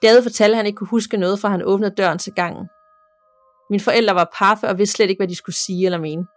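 A woman reading a listener's ghost story aloud as a podcast narrator, in a steady, measured way. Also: mid-range voice, dry recording.

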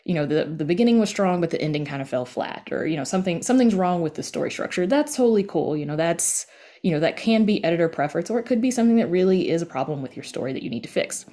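On a podcast, a woman guest who writes and makes audio dramas chats through explanations in a casual interview, leaning heavily on filler such as "you know" and "like." Her fairly low, warm voice moves fast with lively intonation.

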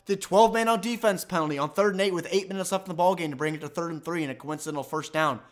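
Speaking at a quick pace in a voice that sits high, the host of a fan sports commentary podcast vents with exasperation and emphasis over his team losing.

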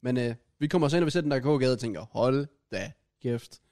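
A man co-hosts a casual podcast chat, telling a travel story the hosts share in a loose, hesitant way full of fillers. His voice sits at medium pitch with a darkish tone.

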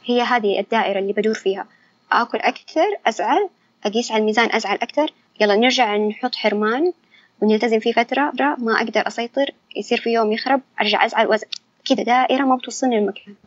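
A woman's voice: fairly high pitch, very fast, highs cut off. A young woman, candidly telling her personal story as an interview guest. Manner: candid, animated storytelling with quoted dialogue.

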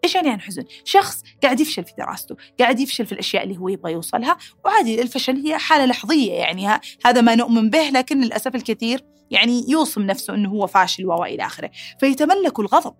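A woman's voice: a little high, no echo, soft background music. A woman hosting a podcast and explaining psychology in a casual way, acting out the quotes she gives. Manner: fast, animated, acts out angry quotes.

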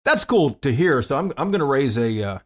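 A man's voice: medium pitch, very animated, a little fast. Stammering, easygoing male podcast co-host. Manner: stammering, repeats words while thinking. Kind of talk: casual chat. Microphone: video call.

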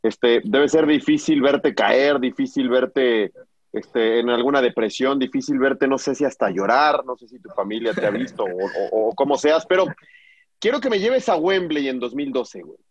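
Mexican host, dull dry sound. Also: male voice, mid-range voice, animated, dry recording. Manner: slangy, friendly, asks drawn-out questions. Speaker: podcast host. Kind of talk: casual interview chat.

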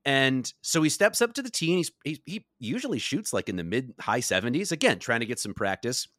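A man's voice: mid-range voice, very animated, brisk, a bit bright, no echo, studio quality. A young adult man co-hosting a podcast, telling a story in a casual chat with lots of laughs. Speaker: podcast co-host.

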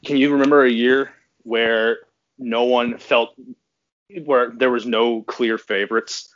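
Excited guy rambling about basketball on a podcast, slightly muffled lo-fi sound. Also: mid-range voice, slow pace. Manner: rambling and giddy, with frequent restarts and laughs. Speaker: podcast guest. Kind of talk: casual sports podcast chat. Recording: slightly dull lo-fi audio.

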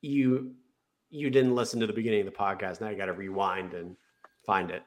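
A man's voice: lowish voice, fairly even intonation, a little fast. A man in his thirties co-hosting a podcast, chatting informally and self-deprecatingly. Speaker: podcast co-host. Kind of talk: casual chat.

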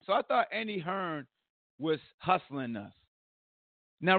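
An American man with a hoarse voice hosts a sports podcast, talking casually in a blunt, animated, slangy way with some swearing. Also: fairly high pitch, no room sound, phone-quality sound. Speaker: podcast host.

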